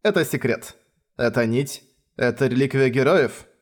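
A man voicing a scheming, cheerful young male spy, calm and amused, in an audiobook reading. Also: medium pitch, normal speed, lightly acted. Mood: gleeful.

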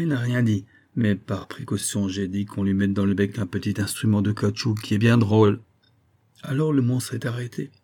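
A man voicing a cheerful, cocky male amateur detective, chatty and lively. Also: mid-range voice, natural voice.

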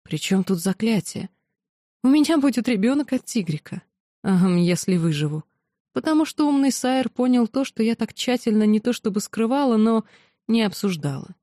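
A woman narrating a first-person audiobook in a steady, measured way. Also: mid-range voice, no echo, studio quality.

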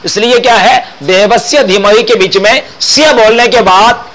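A man teaching Vedic mantra chanting, intoning each line slowly and then explaining the pitch marks. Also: a bit bright, low-quality recording.

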